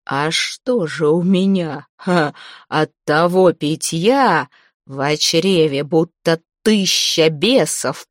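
A woman voicing a vengeful dead husband back from the grave, talking low, slow and with contempt. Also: no room sound, clean studio sound.

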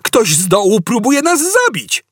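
Male narrator playing a brash, boastful space captain; high, jumpy, husky. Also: very animated, moderate pace, dry recording, clean studio sound.

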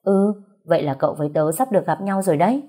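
Female narrator as a sweet pampered rich girl, chirpy and pouty, husky low voice underneath. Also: animated, quick pace, dark tone. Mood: bubbly. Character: bubbly pampered rich young woman.

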